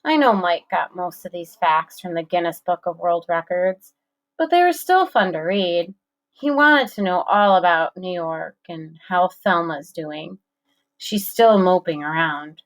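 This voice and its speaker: Slow, measured woman narrating an audiobook. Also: lowish voice.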